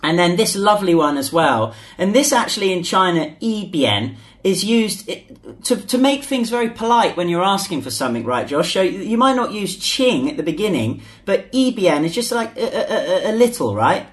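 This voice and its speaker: A man's voice: sits high, sing-song, normal speed. A man co-hosting a casual podcast, chatty and prone to repeating himself. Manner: chatty, repeats himself, sings a short jingle. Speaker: podcast co-host.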